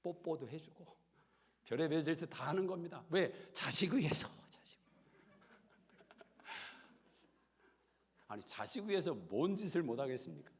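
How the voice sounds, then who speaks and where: A man's voice: on the high side, sing-song, slow, long pauses, a little mellow. A middle-aged male pastor preaching a sermon in a conversational, humorous way. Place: church sanctuary. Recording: long hall reverb.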